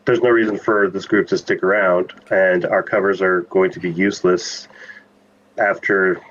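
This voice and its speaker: A man's voice: low-pitched, level tone, normal speed, a bit bright, slight background noise. A man playing a tabletop game on an online call, talking casually through plans with the group. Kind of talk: casual planning talk in a game. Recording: slightly muffled online call.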